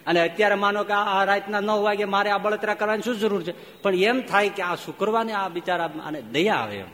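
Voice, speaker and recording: Male swami, sermon storyteller; animated, quizzes the audience; echoing hall, faint room noise. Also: high-pitched, a little fast. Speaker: swami giving a religious discourse. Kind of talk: sermon with fables. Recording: reverberant hall, faint ambience.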